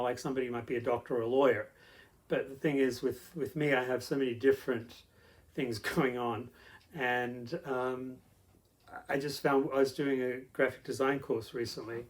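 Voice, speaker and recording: A middle-aged Australian man with a mid-range voice speaks flatly at a moderate pace. As an interview guest, he tells his story casually and conversationally, rambling along with plenty of fillers.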